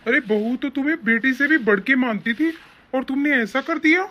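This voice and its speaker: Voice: high-pitched, a little fast, pushed and bright, lo-fi sound. Someone voicing a stern, indignant young husband. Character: angry young husband and son. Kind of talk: animated story voice acting.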